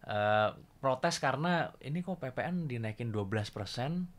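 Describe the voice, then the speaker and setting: A man's voice: mid-range voice, normal speed. A young man talks casually and easily. He often murmurs assent and throws in his own view. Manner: relaxed, agreeable, frequent murmured assent. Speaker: livestream host. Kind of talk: casual discussion.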